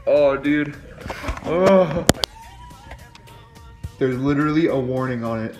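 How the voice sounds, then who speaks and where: A man's voice: mid-range voice, slow, darkish tone, lo-fi sound. A young man chatting casually and exclaiming, his mouth and throat burning from spicy food and his eyes watering. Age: young adult. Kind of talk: casual reaction chat in a spicy food challenge. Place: home dining room. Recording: echoey room, music behind.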